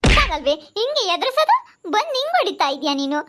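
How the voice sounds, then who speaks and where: A woman playing a frightened, indignant village housewife who scolds in shrill complaints, with a rural central Karnataka accent in a village comedy skit. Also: sing-song, quick pace, very noisy. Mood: scolding. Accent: rural central Karnataka Kannada.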